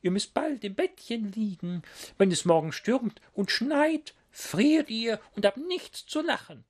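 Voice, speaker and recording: A man voicing a bossy owl in a storybook, scolding and warning the other animals in a high, raised voice. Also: expressive, unhurried.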